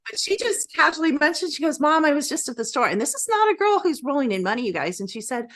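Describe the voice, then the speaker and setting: A woman's voice: high-pitched, big pitch swings, quick pace, fairly bright tone. Effusive, rambling middle-aged woman. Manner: effusive, gushing, rambling storyteller. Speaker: podcast guest. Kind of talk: casual conversation.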